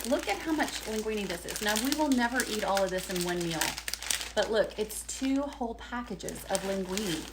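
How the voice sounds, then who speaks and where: A woman's voice: medium pitch, expressive, moderate pace, heavy background noise. A woman, chatting upbeat and folksy with viewers during a live unboxing at home. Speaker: lifestyle vlogger.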